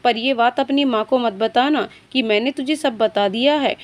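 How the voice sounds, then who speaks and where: A woman voicing a stern but loving father in a storybook tale, speaking with gruff, teasing fatherly lines. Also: a little high, moderate pace, natural voice.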